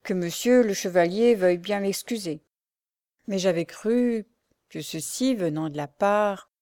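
A woman's voice: mid-range voice, a little slow, dark tone, no echo, studio quality, natural voice. A woman voicing a timid, obsequious male jailer who stammers. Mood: apologetic. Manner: obsequious, hesitant.

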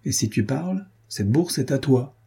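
A man's voice: medium pitch, lively intonation, moderate pace, gravelly, dark tone, breathy edge, voice pushed up, heavily acted. A man voicing a stern young nobleman in a storybook reading, speaking in a cool, threatening, firm way.

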